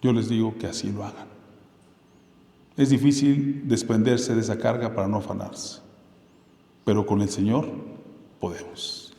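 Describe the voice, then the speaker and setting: A man's voice: fairly low pitch, fairly even intonation, unhurried, long pauses, mellow. A man preaching a sermon as pastor, asking his congregation questions and answering them himself. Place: church hall. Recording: echoey hall with long reverb.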